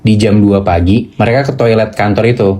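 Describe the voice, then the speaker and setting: A young man telling a horror story casually, in slangy, animated chat. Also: on the low side, fairly quick. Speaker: storyteller host.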